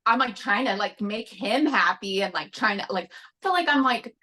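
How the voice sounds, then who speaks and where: Woman guest, bright voice, rambling casual storyteller. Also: mid-range voice, expressive, normal speed. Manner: chatty, lots of "like" and "you know". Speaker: podcast guest.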